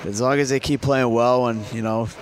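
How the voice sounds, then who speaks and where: Man with a softened Boston accent. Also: mid-range voice, steady tone, fairly quick, slight background noise. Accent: Boston, slightly softened. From Boston, USA. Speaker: hockey player guest. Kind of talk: casual interview answers.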